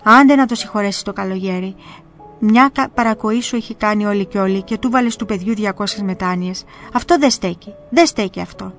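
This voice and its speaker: A soft-hearted old monk coaxes and pleads in a raised, earnest voice, as a woman narrator puts him on. He speaks as an old man begging another for leniency, heard in a spoken storybook reading over faint music. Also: medium pitch, lightly acted. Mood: coaxing. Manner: coaxing, pleading on another's behalf.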